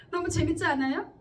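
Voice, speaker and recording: A woman pastor preaching a sermon in a conversational way, often checking in with her listeners and acting out quoted speech. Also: very high-pitched. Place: church. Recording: distant mic with faint background noise.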